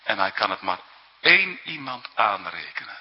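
A man's voice: on the low side, very animated, normal speed, breathy edge. A man preaching a sermon in an earnest, emphatic way, often tagging his points with questions, on a dull, lo-fi recording with a long hall echo.

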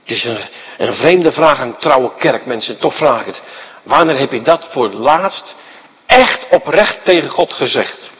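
A man preaching a sermon with a husky, breathy voice, his pitch climbing and dropping all the time. He is emphatic and keeps hurling rhetorical questions at the congregation. A long reverb trails every phrase, as in a large church. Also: expressive, measured pace, fairly bright tone.

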